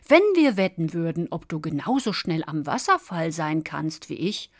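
A woman voicing a cheerful male fox who is always in a hurry, calling out in a loud, friendly way in a bedtime story. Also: low voice, big pitch swings, normal speed, no echo, clean studio sound, heavily acted. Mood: teasing.

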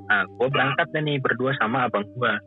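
A man calling in over a phone line that keeps cutting out, telling a story in a relaxed, casual way. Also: medium pitch, brisk, soft background music. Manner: relaxed, addresses the hosts as "Mas" and "Bang". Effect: choppy phone line, audio breaking up.

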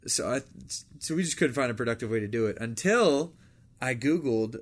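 A young man chats casually as a podcast co-host, his voice sitting at an ordinary middle pitch. He rambles, trips over his words and starts over, keeping the tone relaxed. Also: normal speed. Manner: rambling, restarts often, reads out a list. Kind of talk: casual chat.

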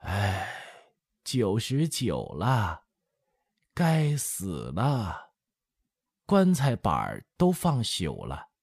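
A man's voice: medium pitch, darkish tone, dry recording, pitched above the performer's own voice, heavily acted. A man voicing a very old, hard-of-hearing village grandmother who rambles and sighs in an audiobook. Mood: lamenting. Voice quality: slow, breathy, muttering old voice. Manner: rambling, sighing, lamenting. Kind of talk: audiobook character voice. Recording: dry close studio sound.

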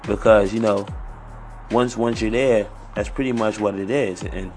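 A man who sounds high, hosting a casual podcast alone in a rambling, repetitive, slangy stoner manner. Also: steady tone, unhurried, a little mellow, faint music behind. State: high on weed. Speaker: podcast host.

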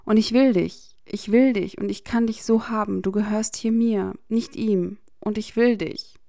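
A woman's voice: mid-range voice, fairly even intonation, measured pace, vocal fry, mellow, no room sound. A woman voicing a guarded, defiant young man with a clipped, sardonic way of talking in a fan fiction audiobook reading. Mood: pleading.

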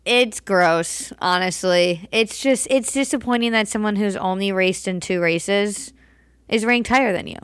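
Brief: young woman, smooth clear voice, brisk podcast co-host. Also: medium pitch, dry recording. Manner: brisk, matter-of-fact, quoting stats. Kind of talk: casual chat.

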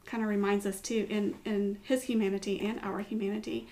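A woman's voice: mid-range voice, level tone, brisk. A woman from the United States talking encouragingly in a casual devotional discussion. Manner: warm, encouraging, affirming.

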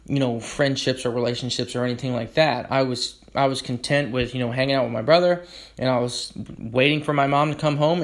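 Candid rambling man reflecting aloud. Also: mid-range voice. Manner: rambling, self-correcting, candid. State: burping after drinks. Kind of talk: reflective personal monologue.

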